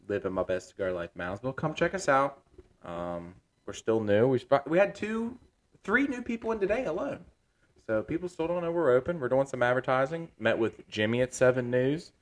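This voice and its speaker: A man hosting a casual podcast from his cigar lounge, talking in a relaxed, rambling way with plenty of fillers. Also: mid-range voice, normal speed.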